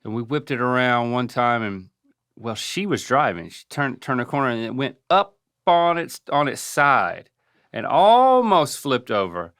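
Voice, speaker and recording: A man's voice: medium pitch, big pitch swings, unhurried, fairly bright tone, smooth, no room sound, studio quality. A middle-aged man from North Carolina telling casual stories as a podcast co-host, with a wry, self-deprecating manner. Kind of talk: casual storytelling.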